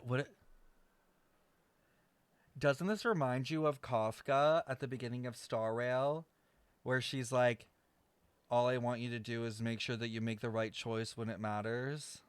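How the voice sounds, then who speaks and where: Streaming a game, a man reacts live in a casual, blunt, sarcastic and exclamatory way, swearing now and then. His medium-pitched voice is steady, clear and resonant, unhurried with long pauses, and there is no echo. Faint video game music plays behind him.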